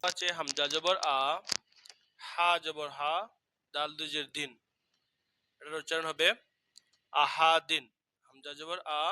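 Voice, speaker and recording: A man's voice: on the high side, sharp tone, no echo. A man teaching Quran reading with a Bangladeshi Bengali accent, spelling out each letter and vowel mark and then repeating the blended syllable. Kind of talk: slow spelled-out recitation drill.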